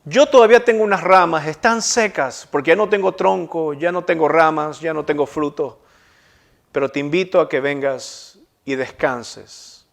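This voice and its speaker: A loving old apple tree speaks in a storybook telling, tender and pleading, its voice lifted a little higher than the teller's own, as a preacher puts it on. The tone stays soft and giving, set above a fairly high male voice. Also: normal speed, creaky.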